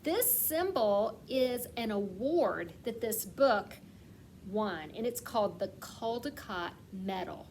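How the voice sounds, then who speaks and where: This woman, whose voice leans high, reads a picture book to little ones in a kindergarten-teacher manner, emphasising and slowing words as she tells the story. She poses questions and pauses for the children's supposed answers, with a noise-free background.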